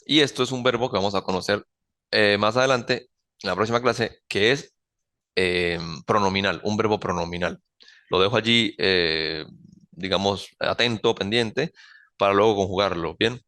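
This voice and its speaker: Low-voiced man teaching French slowly. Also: bright, forceful tone. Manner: patient, repeats words slowly to model pronunciation. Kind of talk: recorded classroom lesson.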